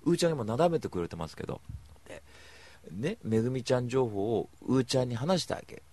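A man hosting a radio show, telling rambling stories to listeners with emphatic, animated delivery on a studio mic. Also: mid-range voice, fast. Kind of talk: casual solo radio talk.

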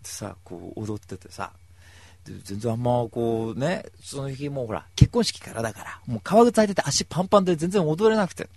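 Animated husky-voiced man telling stories. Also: medium pitch, fairly quick. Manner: animated, acts out other people's lines in voices. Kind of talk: casual storytelling monologue.

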